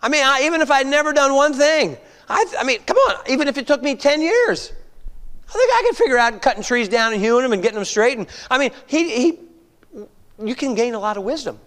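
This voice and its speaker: This American pastor, a man in his fifties, speaks with an extremely high pitch, lively intonation and a slightly fast pace, his tone clean and a bit bright. His conversational sermon, heard with a big-room sound, is packed with rhetorical questions and frequent "all right?" checks.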